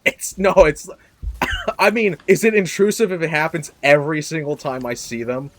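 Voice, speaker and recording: A young man hosting a casual podcast chat, rambling and self-deprecating with sudden loud exclamations. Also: fairly high pitch, moderate pace, no echo. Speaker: podcast host.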